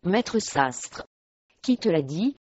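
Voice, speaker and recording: A woman doing a soft, serene young noblewoman. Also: fairly low pitch, sing-song, takes it slowly, slightly rough, voice pushed down, full character voice. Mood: hushed. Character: young frail noblewoman, calm condemned martyr. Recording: dull lo-fi recording.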